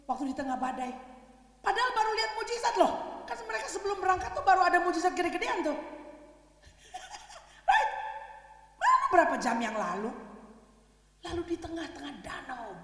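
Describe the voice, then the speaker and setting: A woman with a high voice preaches in a casual, chatty way, often asking her listeners to agree and laughing easily. Her voice reaches the microphone from some distance. A long echo from the large worship hall trails behind her words. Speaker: preacher at a women's worship service. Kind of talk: conversational sermon.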